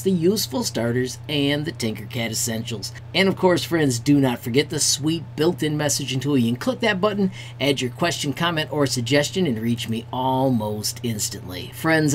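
A middle-aged American man with a mid-range voice hosts an upbeat screen-share tutorial online, guiding viewers along in an enthusiastic, friendly way. Slight background noise is audible.

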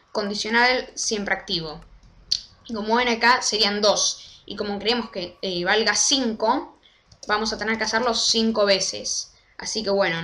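A young woman, casually walking through a game tutorial step by step and slowing down to spell out commands. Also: mid-range voice, sharp tone. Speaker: Minecraft tutorial creator. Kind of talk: casual screen-recorded tutorial.

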